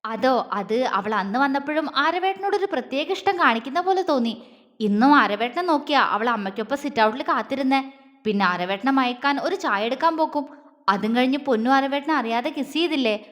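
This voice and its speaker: A cheeky young wife voiced by a woman storyteller, pouting and coaxing as she chatters on. Her voice is bright and high, with a long reverb trailing behind it. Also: lively intonation, brisk. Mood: playful.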